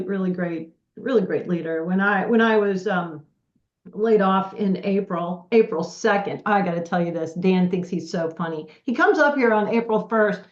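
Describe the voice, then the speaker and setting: A middle-aged woman guest on a podcast, chatting casually and telling stories in an animated way. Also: mid-range voice, echoey room, lo-fi sound. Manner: chatty, storytelling, animated quoting. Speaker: podcast guest, partnerships director. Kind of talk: casual conversational chat.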